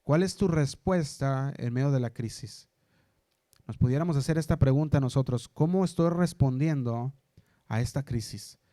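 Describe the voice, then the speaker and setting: A man's voice: mid-range voice, warm tone, no echo, studio quality. Man preaching, asking "right?" often. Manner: slows down and stresses quoted scripture. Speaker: pastor. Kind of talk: sermon.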